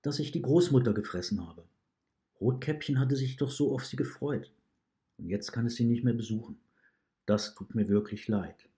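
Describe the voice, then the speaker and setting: A man's voice: medium pitch, moderate pace, mellow, lightly acted. A man voicing a remorseful, weary male wolf imprisoned in a dungeon, talking in a pained, confessing way, in a read-aloud story.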